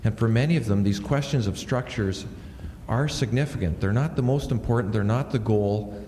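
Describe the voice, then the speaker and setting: A man's voice: lowish voice, normal speed, warm tone. A man, a senior minister, speaking reflectively on a panel and thinking aloud with restarts into a handheld microphone. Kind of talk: panel discussion. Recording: echoey hall with faint noise.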